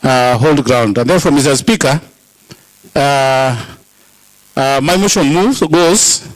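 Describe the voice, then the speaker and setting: A man with a Kenyan accent making a formal parliamentary speech as an assembly member, halting and deliberate. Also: mid-range voice, poor audio. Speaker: county assembly member moving a motion. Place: assembly chamber.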